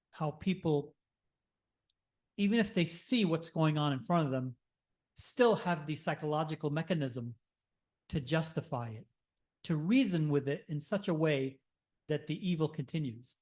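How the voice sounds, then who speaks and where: A man's voice: fairly high pitch, measured pace, long pauses, a little mellow. A man giving an earnest, persuasive talk as guest speaker at a church service, with a few restarts. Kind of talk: speech to a congregation.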